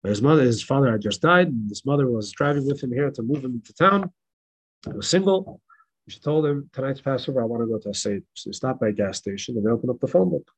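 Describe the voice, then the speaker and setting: A man, a rabbi, teaching a Passover class with animated, emphatic repetition and stories. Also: mid-range voice, breathy edge, rough recording. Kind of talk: Passover class reading and storytelling. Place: synagogue in El Paso.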